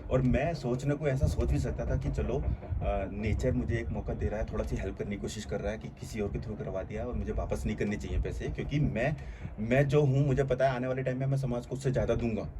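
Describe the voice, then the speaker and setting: A channel host with a mid-range voice talks a little fast in a casual conversation, with faint background noise. He's reflective and earnest, explaining his thinking at length with many fillers.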